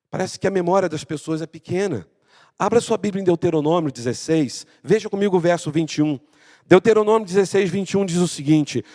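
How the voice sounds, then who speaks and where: A man with a Brazilian Portuguese accent preaching a Bible-study sermon as pastor, reading scripture slowly and asking rhetorical questions. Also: sits high, big-room sound.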